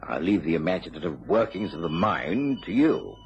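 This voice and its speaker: An actor playing a genial, earnest doctor who narrates a radio drama in a gentlemanly storytelling manner. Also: male voice, sits low, sing-song, moderate pace, a little hiss or hum. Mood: mild, earnest. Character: genial, earnest doctor chronicling his detective friend's cases. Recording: dull lo-fi radio recording. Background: music.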